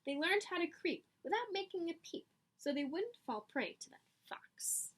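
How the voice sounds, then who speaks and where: A woman with a very high, expressive voice reads a picture book aloud to children at normal speed. She adds dramatic emphasis and teacherly asides directed at the kids.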